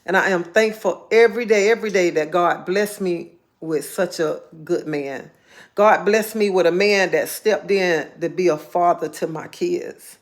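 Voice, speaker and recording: A woman's voice: on the low side, unhurried. A woman, talking in a casual live-stream monologue, earnest and heartfelt, repeating herself for emphasis. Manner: earnest, heartfelt storytelling with repetition.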